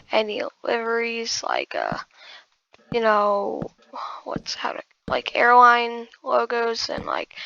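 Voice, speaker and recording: A woman's voice: on the high side, creaky, pushed and bright, dry recording. A woman hosting a casual gaming build tutorial, rambling and muttering asides to herself. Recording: dull lo-fi dry recording.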